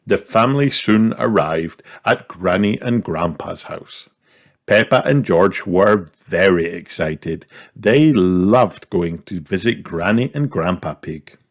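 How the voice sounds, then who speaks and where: A man reading a children's picture book aloud in an expressive storytelling manner. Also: sits low, takes it slowly. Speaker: storybook reader. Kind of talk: scripted children's story narration.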